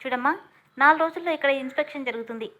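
A woman voicing a brisk, businesslike hostel matron giving instructions in a storybook reading. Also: high voice, fairly bright tone.

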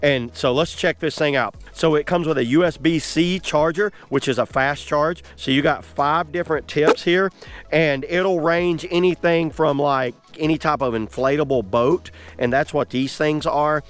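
An enthusiastic man talks through a gadget demo, filming it himself outdoors. His voice sits a little on the high side, and he keeps things chatty and loose. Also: moderate pace. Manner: enthusiastic, chatty, lots of "like" fillers. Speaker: product reviewer. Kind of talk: casual hands-on product demo. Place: outdoors on grass.

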